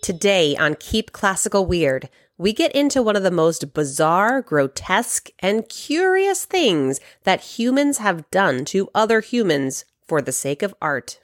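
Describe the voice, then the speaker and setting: A woman narrates as the host of a podcast. Her delivery is scripted but upbeat and welcoming, like a show host. Her intonation is lively and moves around freely at a medium pitch. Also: unhurried, few pauses.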